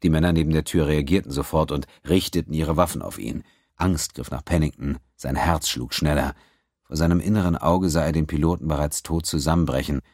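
A man narrating a science fiction audiobook in a steady, measured way. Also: rumbling low, no echo, clean studio sound. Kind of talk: scripted narration.

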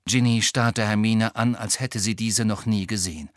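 A man narrating a storybook in an expressive, animated reading. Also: lowish voice, normal speed, no echo, clean studio sound. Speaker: audiobook narrator. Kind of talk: scripted narration.

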